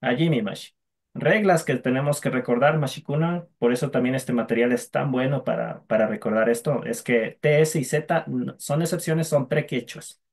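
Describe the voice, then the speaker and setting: A man teaching a language class online, patiently drilling sounds for students to repeat. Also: mid-range voice.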